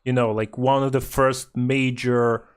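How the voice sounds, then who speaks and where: A man's voice: medium pitch, a little slow, clean tone. A man co-hosting a casual podcast, talking in a rambling, hesitant way with many restarts and fillers, laughing often. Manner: laughs often, animated when mimicking quotes. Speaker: podcast co-host. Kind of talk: casual chat.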